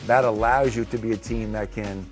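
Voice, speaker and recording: A man's voice: fairly low pitch, steady tone, normal speed. Guy doing a film breakdown, chatty, asks questions, faint music behind. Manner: conversational, asks questions over clips. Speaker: interviewer.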